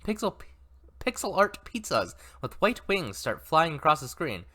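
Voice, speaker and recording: A man's voice: a little high, very animated, moderate pace, pushed and bright. Chatty man reading an interactive novel. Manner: chatty, self-correcting, laughs at own mistakes. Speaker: story reader and commentator.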